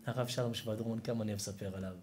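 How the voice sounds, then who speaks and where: A man, a rabbi, giving an emotional moral sermon, telling stories dramatically and swinging from hushed to shouted. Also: on the low side, steady tone, slight background noise.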